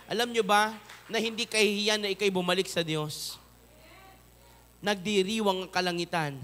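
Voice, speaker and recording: A male pastor with a Filipino accent preaching a sermon, moving between loud emphatic peaks and soft, low pleading. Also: fairly even intonation, moderate pace.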